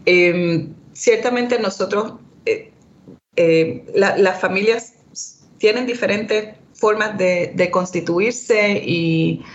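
Panelist, mid pitch, hesitant, many fillers, dull lo-fi sound. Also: slow pace. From Puerto Rico and United States. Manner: hesitant, frequent "¿verdad?" and fillers. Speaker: scholar on a panel. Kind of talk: academic panel discussion.

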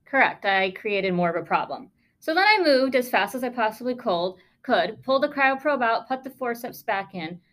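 A woman's voice: a little high, lively intonation, moderate pace, fairly bright tone. A woman podcast host, a lung doctor, telling a case story in a conversational, emphatic way with sarcastic asides.

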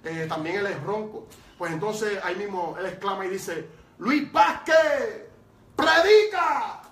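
A man telling his testimony as a preacher, lively and emphatic, with frequent fillers. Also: high voice, moderate pace. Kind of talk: storytelling testimony. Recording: roomy sound from far off.

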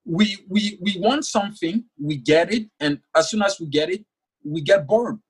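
In poor audio, a young man speaks at normal speed with a high voice and a breathy edge. He is an author whose first language is French, speaking earnestly in a conversational interview and repeating words often while thinking.

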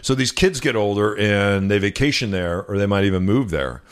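Low-voiced male radio co-host. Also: lively intonation, moderate pace. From American Midwest. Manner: conversational, explanatory. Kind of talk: casual radio talk. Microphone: studio microphone.

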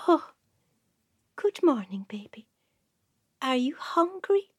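A woman voicing a farm mother in a folk tale, in a high, sing-song motherly tone. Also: big pitch swings, slow pace, no room sound, studio quality, full character voice. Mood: sweet.

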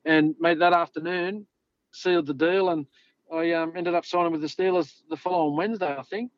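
A man's voice: a little high, steady tone, brisk, no room sound. A middle-aged Australian man, a former rugby league player, telling stories in a rambling, laid-back way. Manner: rambling, laid-back, lots of "you know". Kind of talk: casual interview storytelling. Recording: slightly dull lo-fi audio.

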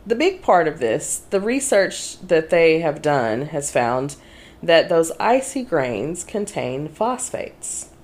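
A woman co-hosting a casual podcast chat in an animated, chatty manner. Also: deep voice, takes it slowly. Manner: animated, chatty, laughs often. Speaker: podcast co-host.

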